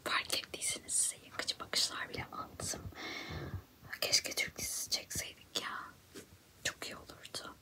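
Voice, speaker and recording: A young woman in a whispered role-play, quiet as if at night, playing a self-absorbed, annoying, overconfident girl who admires herself and complains theatrically. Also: unhurried. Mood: smug. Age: young adult. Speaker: ASMR creator. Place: small indoor room.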